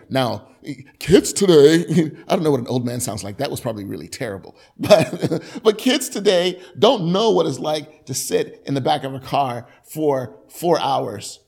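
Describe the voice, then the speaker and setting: Animated, gravelly-voiced male pastor. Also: fairly high pitch. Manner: animated, conversational preaching with frequent restarts. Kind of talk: sermon.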